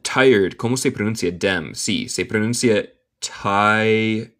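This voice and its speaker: An American man from Michigan who speaks English natively, reading a story aloud word by word in a slow English lesson and explaining it in Spanish. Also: lowish voice, lively intonation. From United States. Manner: reads English word by word very slowly, then explains in Spanish, answers chat. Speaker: English teacher, live streamer.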